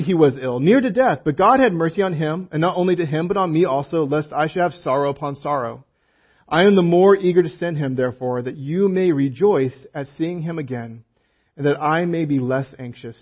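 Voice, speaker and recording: A man's voice: a little high, breathy edge, lo-fi sound. A man preaching a sermon as a pastor, reading scripture aloud and explaining it with casual asides and humor.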